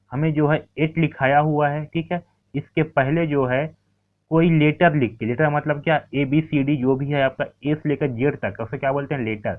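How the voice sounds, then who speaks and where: A man teaching an English lesson, explaining words step by step and checking in often with his students. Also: fairly high pitch. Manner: repetitive, checks in with "ठीक है" often. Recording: tinny phone-like lo-fi sound.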